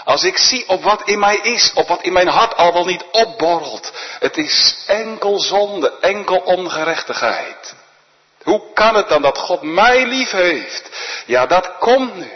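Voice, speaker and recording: A man preaching a sermon in a solemn, earnest manner, often dropping to a hushed voice. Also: sits high. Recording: dull echoey church recording.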